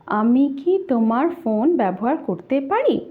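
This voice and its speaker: A woman teaching Japanese grammar in a casual online lesson, explaining slowly and repeating each example phrase. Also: sits high, big pitch swings. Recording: tinny, phone-like audio.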